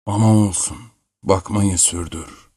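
A proud old Roman emperor, worn down and weary, as a male audiobook narrator puts him on. He speaks slowly in a deep, hushed voice. The recording is dry and close. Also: fairly even intonation, husky, no echo. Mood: weary pleading.

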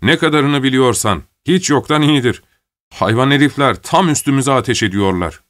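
A man's voice: medium pitch, expressive, normal speed, a bit bright, no room sound, clean studio sound, voice pushed up, lightly acted. A man voicing an anxious army officer who urges and pleads at a battlefield burial. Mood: urgent pleading. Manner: pleading, urgent.

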